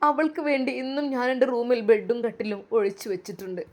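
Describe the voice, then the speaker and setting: Give me a woman playing a heartbroken young policeman pleading low through tears. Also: fast talker, close to an everyday voice.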